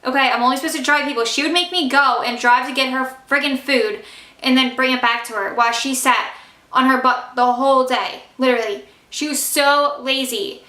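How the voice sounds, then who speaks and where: A young woman with a high, bright voice tells a casual storytime vlog. She is emphatic and fired-up, and she talks fast with lots of fillers. The sound bounces around an echoey room. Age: young adult. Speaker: vlogger.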